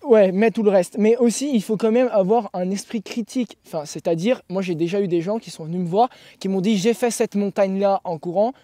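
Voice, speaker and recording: A man's voice: high-pitched, fairly quick, hardly any pauses, warm tone, no echo, clean studio sound. A man who coaches endurance sport, explaining gear in a blunt, laughing, casual podcast chat.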